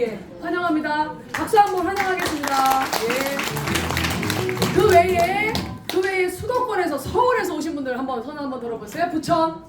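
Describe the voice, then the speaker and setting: A middle-aged woman hosting a camp event, speaking to a large audience in a lively way and laughing often. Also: sits high. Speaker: event host. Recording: echoey hall, distant mic, crowd noise.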